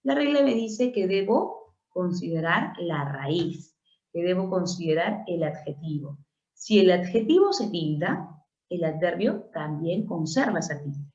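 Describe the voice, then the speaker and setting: A woman's voice: fairly low pitch, animated, unhurried, darkish tone. A woman, teaching a grammar lesson, patiently checking understanding with frequent tag questions. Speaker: language teacher. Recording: roomy, dull lo-fi recording.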